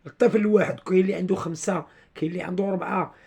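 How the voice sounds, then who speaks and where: Moroccan guy talking to his followers, fast and creaky, keeps repeating himself hunting for words. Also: high voice, steady tone, darkish tone. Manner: repetitive, halting, searching for words. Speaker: online video commentator. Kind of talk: informal explanatory commentary to followers.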